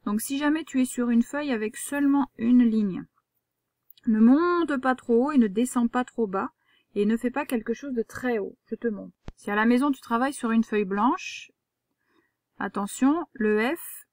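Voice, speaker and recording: A woman's voice: fairly high pitch, moderate pace, darkish tone, no room sound, clean studio sound. A woman, a primary school teacher giving a patient, step-by-step handwriting lesson to a young child.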